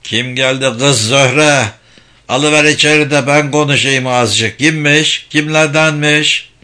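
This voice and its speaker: A man voicing a blind, gruff, foul-mouthed old village father who bellows curses in a storybook reading. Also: a little high, steady tone, a little slow, pushed and bright. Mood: gruff questioning. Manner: bellowing, cursing, then chuckling.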